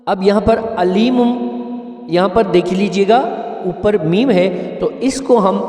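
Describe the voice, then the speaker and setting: A man teaching a recitation lesson, explaining briskly and then chanting each example slowly and melodically. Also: sits high, mellow. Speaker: Quran teacher. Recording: echoey hall, distant mic, faint music.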